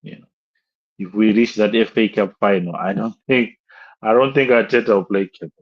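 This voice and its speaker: A man's voice: lowish voice, steady tone, moderate pace, slightly rough, highs cut off. Exasperated young man ranting on stream. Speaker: football fan streamer. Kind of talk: live stream match rant.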